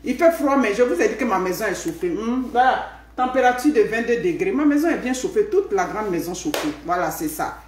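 A middle-aged woman with an Ivorian French accent chats with her live-stream viewers from home. She talks in a lively, familiar way and keeps checking in with a questioning "hmm?". Her voice sits at a middle pitch and bounces around an echoey room. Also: brisk, slight background noise. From Ivory Coast. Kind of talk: casual live chat.

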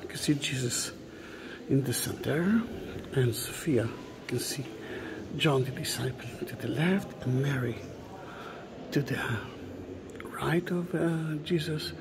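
Gravelly man guiding a church tour. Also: mid-range voice, background noise. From Israel. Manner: unhurried, musing, often drops to a hushed whisper. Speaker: tour guide. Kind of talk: walking video tour narration. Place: large stone church interior.

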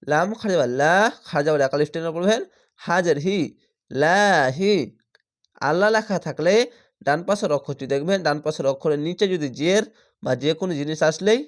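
A man teaching Quran reading who spells each word out slowly, syllable by syllable, then chants the whole word, and explains the rules patiently. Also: fairly high pitch. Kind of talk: spelling-out Quran recitation lesson.

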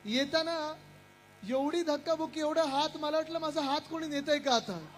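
High-voiced young man shouting a rally speech. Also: steady tone, normal speed, soft background music. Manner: loud, shouting over the crowd; addresses the crowd and stage directly. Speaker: politician addressing a rally.

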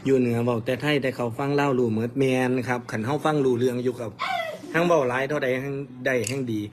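A man's voice: medium pitch, fairly even intonation, quick pace, a crowd in the background. A man with an Isan accent from the Khon Kaen area, a mor lam performer speaking earnestly to viewers in a casual livestream chat. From Isan, northeastern Thailand. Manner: earnest, lecturing viewers, plain-spoken.

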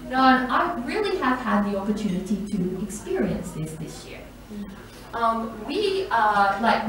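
Animated woman preaching in an echoey hall. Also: mid-range voice. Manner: animated storytelling, acts out voices in quotes, laughs often. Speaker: church leader, women's day speaker. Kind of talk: personal testimony sermon. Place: large church hall. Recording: echoey hall, mic from far off, faint noise.

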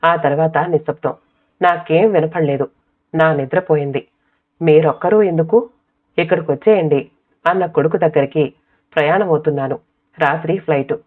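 A woman narrating an audiobook short story in a calm, measured reading voice. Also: deep voice. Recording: tinny, phone-like sound.

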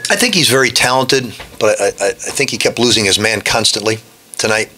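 After a game, a head basketball coach in his sixties speaks frankly to reporters through a desk microphone in a press room in front of a backdrop. He has a fairly low, sharp voice at a fairly quick pace, with slight background noise, and restarts his blunt answers often.

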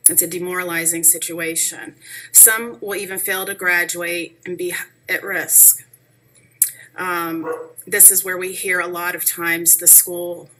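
A woman in her forties, a parent giving a hesitant statement at a school board meeting, pausing often with ums and uhs. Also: lowish voice, bright, forceful tone, slight background noise, low-quality recording. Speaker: parent speaking at public comment. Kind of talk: partly read public statement. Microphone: table microphone.

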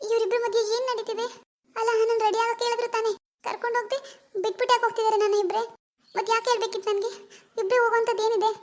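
A woman's voice: very high-pitched, level tone, rapid-fire. A woman acting as a young wife who suspects her husband, wondering aloud in an anxious, questioning way. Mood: suspicious. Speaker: actor in a family web drama. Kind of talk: amateur family drama acting.

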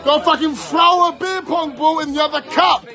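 A young British man hyping up a party like a rowdy party animal, shouting and swearing in casual chat to the camera. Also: very high voice, fairly even intonation, moderate pace. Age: young adult. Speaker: party-goer explaining a drinking game to the camera. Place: party marquee. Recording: loud party music and crowd chatter.

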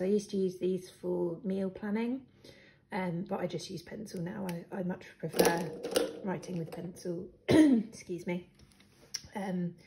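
A British woman with a low, mellow, croaky voice clears her throat as she talks, hesitant and full of ums and soft laughs. She's a planner vlogger doing a casual show-and-tell. The recording has faint noise and echoes around a hard-floored living room.

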